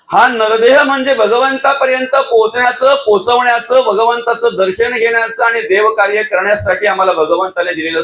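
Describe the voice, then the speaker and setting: A high-pitched man delivering a devotional sermon with a rural Thane-region Marathi accent. He preaches emphatically, swinging between raised, near-shouted lines and softer asides, and keeps calling his listeners Mauli. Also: slight background noise, poor audio. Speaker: kirtankar preacher.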